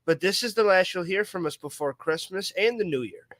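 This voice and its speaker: A man's voice: high voice, fairly quick, fairly bright tone, no room sound. A man co-hosting a podcast in a casual, rambling chat full of fillers and restarts. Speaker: podcast co-host.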